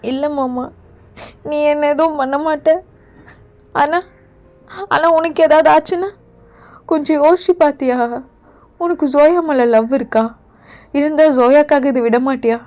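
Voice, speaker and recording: A woman voicing a gentle young queen who pleads softly with her husband in a fan audio drama, over faint music. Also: sits high, unhurried, long pauses. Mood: worried.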